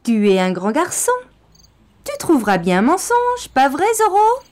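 A woman's voice: on the high side, wildly swooping pitch, a little slow, clear, resonant tone, pitched above the performer's own voice. Woman doing a sneering teenage gang leader. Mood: mocking. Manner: sneering, taunting. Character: menacing red-haired teenage gang leader, mocking.

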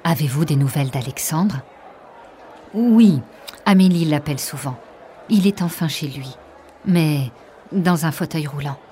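Woman doing a friendly mother, conversational, slow, mellow. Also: sits low, slight background noise. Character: friendly mother of a pupil, informed.

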